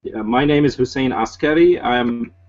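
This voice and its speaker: A man in his forties from Iraq, speaking English, giving an earnest, measured lecture as a guest speaker. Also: mid-range voice, a little mellow, dull audio. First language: Arabic. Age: 40s. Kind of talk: lecture-style political presentation.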